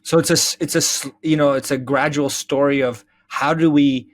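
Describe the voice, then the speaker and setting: On a thoughtful podcast interview, the guest, a children's story author in middle age, speaks with earnest conviction, layering his ideas in repeated, emphatic phrases. His fairly high voice keeps a fairly even intonation and moves at a moderate pace.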